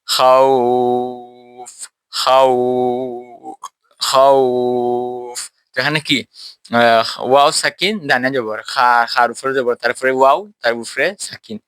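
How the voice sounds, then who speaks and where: A man teaching a tajweed class, explaining step by step and quizzing his students, with slow drawn-out letters. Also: medium pitch, pushed and bright, no room sound. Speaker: Quran recitation teacher.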